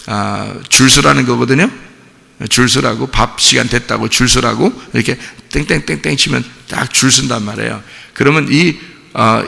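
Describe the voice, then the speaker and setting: Gravelly bright-voiced male pastor preaching. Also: mid-range voice, big-room sound. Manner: conversational preaching full of repetitions and rhetorical questions. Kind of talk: early-morning sermon. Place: church sanctuary.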